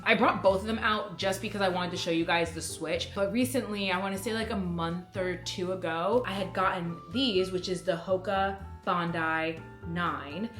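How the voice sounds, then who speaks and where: A woman's voice: on the low side, echoey room. A young woman chatting casually and conversationally as a running vlogger, with rambling asides. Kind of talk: casual vlog chat.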